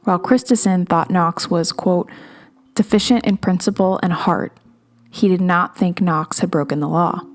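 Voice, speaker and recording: A woman podcast host narrating a true-crime story in a measured, steady way. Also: lowish voice.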